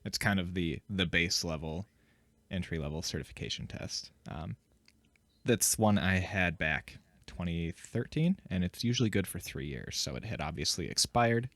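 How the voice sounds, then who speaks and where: Low-voiced man in relaxed podcast conversation. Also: normal speed, dry recording. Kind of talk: casual chat.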